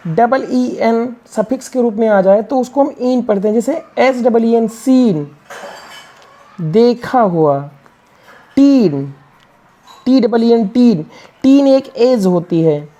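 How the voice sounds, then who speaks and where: A woman's voice: on the high side, lively intonation, slow pace, pauses often, warm tone. A woman teaching English reading, spelling out words letter by letter and asking and answering her own questions. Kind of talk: classroom-style reading lesson.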